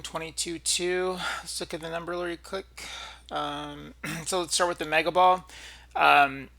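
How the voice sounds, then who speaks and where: A man hosting a video with casual, unscripted commentary, speaking haltingly and often clearing his throat. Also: on the high side, sharp tone. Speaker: video host.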